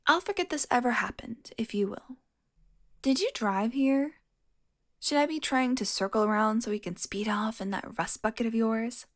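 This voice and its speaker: A woman plays an ancient female vampire in a slightly high voice, sardonic and foul-mouthed with a flirty, teasing streak. It's a lightly acted, intimate audio roleplay monologue addressed directly to the listener, sprinkled with breathy asides.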